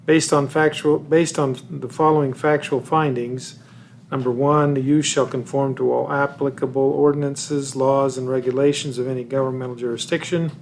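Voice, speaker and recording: A mid-pitched man reading a long formal motion in a council chamber, steady and deliberate through the legal clauses. A faint background hum is present. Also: gravelly. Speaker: city council member.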